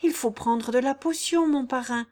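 A woman's voice: sits high, moderate pace, a little mellow, pitched above the performer's own voice, natural voice. A woman voicing a plaintive simple peasant girl. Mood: pleading. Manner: earnest, plaintive, rustic phrasing. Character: simple, devoted young peasant girl, tender and pleading. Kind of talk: audiobook character reading.

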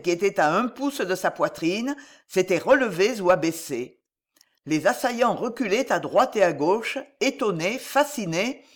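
An audiobook narrator reading a historical adventure novel aloud with expressive, dramatic narration. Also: medium pitch.

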